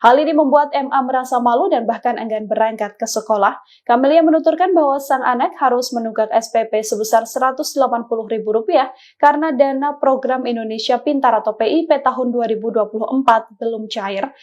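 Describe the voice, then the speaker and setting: A woman narrating a scripted news report in a measured, formal way. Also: a little high, darkish tone.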